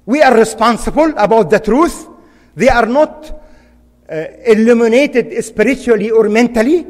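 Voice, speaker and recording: A man's voice: high-pitched, long reverb tail. A middle-aged man from Egypt, preaching a sermon in an impassioned, emphatic way and repeating key phrases.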